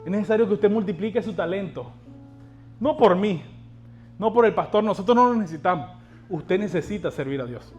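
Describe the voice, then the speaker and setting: Pastor guy with a high voice preaching, keeps asking the crowd questions, soft music under it. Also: lively intonation, brisk. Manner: exhorting, asks the congregation rhetorical questions. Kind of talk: sermon.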